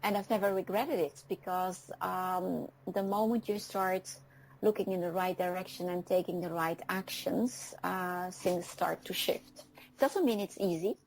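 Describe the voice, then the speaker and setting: Gravelly-voiced woman in her fifties. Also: lowish voice, steady tone, slight background noise, low-quality recording. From France. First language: French and Dutch. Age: 50s. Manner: reflective, pausing often with ums. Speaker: guest. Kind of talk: interview on an internet radio show.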